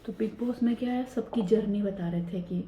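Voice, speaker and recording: A woman in her thirties talks softly through her day at home, chatty and confiding, keeping her voice low. Her tone is mellow and warm. The voice-over sounds roomy, with a faint ambience behind it. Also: fairly quick, slight background noise. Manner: soft, hushed talking. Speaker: home vlogger. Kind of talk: quiet voice-over narration of daily chores.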